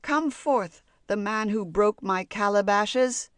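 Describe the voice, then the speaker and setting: A woman's voice: medium pitch, normal speed, a little mellow, dry recording, clean studio sound, voice pushed up, natural voice. A woman reading the lines of a hot-tempered young male chief in a fairy tale audiobook, firm and commanding. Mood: angry.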